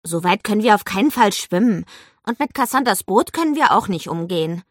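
A woman voicing a lively, friendly young boy who calls out excitedly in an audiobook. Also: medium pitch, fairly quick, dry recording, clean studio sound, voice pushed up, lightly acted. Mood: thoughtful. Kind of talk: audiobook character voice.

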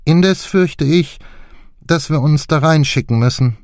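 A man's voice: fairly high pitch, measured pace, darkish tone, no echo, studio quality, voice pushed up. A man voicing a languid upper-class woman with a nasal drawl.

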